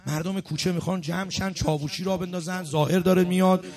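A man preaching a mourning sermon to a gathering, telling stories with rising passion and bursts of shouting. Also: sits high, steady tone. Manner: impassioned, storytelling, rising to shouts. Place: gathering hall.

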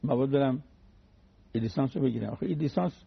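A man with a gravelly, husky voice gives a relaxed religious talk, illustrating his points with plain stories and examples. The sound is muffled, as on an old radio broadcast. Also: mid-range voice. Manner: folksy, uses everyday anecdotes and examples. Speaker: cleric giving a religious talk.

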